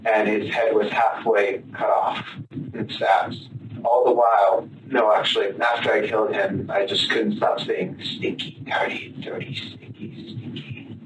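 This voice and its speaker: A man being interviewed as a suspect, talking in a halting, flat, matter-of-fact way. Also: on the low side. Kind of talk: police interview. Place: police interview room. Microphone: far-off room camera. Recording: echoey noisy room from far off.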